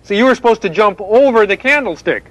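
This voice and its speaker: A man's voice: high-pitched, animated, fast, fairly bright tone, poor audio. A man voicing a chipper male frog reporter in a puppet TV sketch, patient and explaining, with an announcer's manner. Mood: exasperated.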